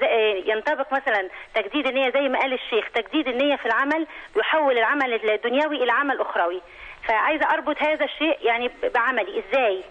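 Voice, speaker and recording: A woman caller, heard over the phone, asking questions politely and halting with restarts. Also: on the high side, fairly bright tone. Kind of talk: call-in question to a religious scholar. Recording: dull lo-fi phone line.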